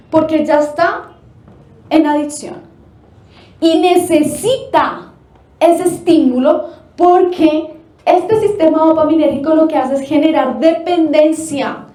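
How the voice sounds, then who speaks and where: A high-pitched woman from Colombia lectures an audience at a forum, her voice bouncing around a reverberant hall. She is animated, poses rhetorical questions and slips into little acted-out quotes. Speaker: speaker at a family forum.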